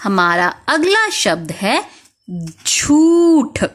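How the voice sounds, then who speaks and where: A woman teaching young children spelling, slowly spelling out each word letter by letter and asking them questions. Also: sits high, very animated, a bit bright, a little hiss or hum. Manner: slow, spells words letter by letter, asks questions.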